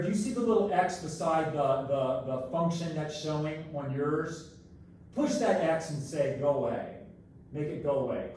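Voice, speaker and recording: A man teaches an online math class and repeats each step more than once. He stands away from the camera mic, so his voice echoes as if he were in a tunnel. His voice is a bit higher than most men's, with a faint hiss in the background. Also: darkish tone. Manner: repeats each instruction several times. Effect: echoing tunnel-like sound from a distant camera mic. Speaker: college math instructor. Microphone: built-in camera microphone across the room. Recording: very echoey room, far from mic, faint noise.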